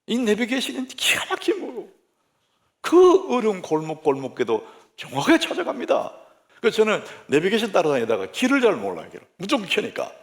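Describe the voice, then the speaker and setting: A man, a senior pastor, preaching a sermon through lively, humorous stories. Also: on the high side. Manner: lively anecdotal storytelling, humorous.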